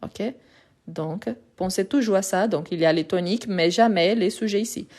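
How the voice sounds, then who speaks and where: In a live lesson, a woman whose first language is Portuguese teaches French grammar, patiently and methodically repeating examples step by step. Her voice is medium in pitch and a little mellow, and she speaks at a normal speed.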